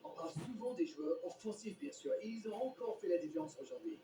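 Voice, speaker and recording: Opinionated football pundit, video game co-commentary, animated intonation, echoey room, clear noise. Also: male voice, high-pitched, fairly quick. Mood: approving. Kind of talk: sports commentary analysis. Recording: distant, echoey, noisy TV game audio.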